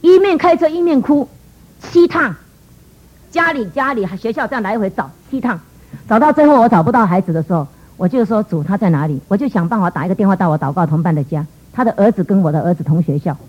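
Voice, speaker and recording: A middle-aged woman giving an earnest, emotional church testimony, telling a personal story with lively quoted dialogue. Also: medium pitch, fast talker, husky, dull audio.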